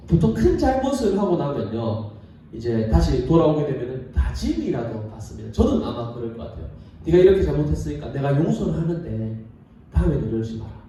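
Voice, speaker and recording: A man's voice: on the high side, warm tone, slight background noise. A man preaching a sermon as a youth pastor, retelling a story and asking rhetorical questions. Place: church sanctuary. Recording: echoey church hall, distant mic.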